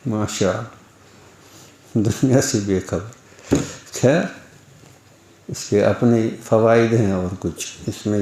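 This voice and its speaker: A man's voice: mid-range voice, vocal fry, a little mellow, reverberant. A man giving an Islamic lecture in a conversational way, often asking his listeners rhetorical questions and mimicking other people's speech. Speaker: Islamic preacher. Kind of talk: Urdu religious lecture.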